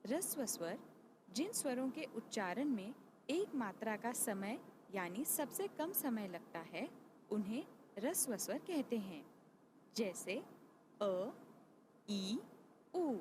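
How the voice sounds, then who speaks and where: A woman's voice: on the high side, very animated, a little slow, noisy background. A woman teaching a grammar lesson, reading out definitions and carefully enunciating each letter.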